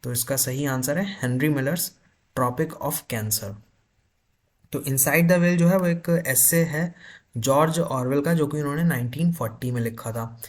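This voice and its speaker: Guy teaching lit for an exam, explains in hindi, reads slow. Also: a little high. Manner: explains in Hindi with English terms, reads English notes slowly. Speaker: English literature teacher. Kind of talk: exam-prep lecture.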